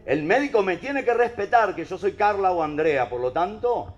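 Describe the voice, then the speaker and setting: A man with a Rioplatense accent preaches to listeners, peppering his talk with rhetorical questions. His voice sits a little high and leaps up and down with emphasis. Soft music plays faintly underneath. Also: moderate pace, lo-fi sound. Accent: Rioplatense Spanish. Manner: animated, rhetorical questions to the audience.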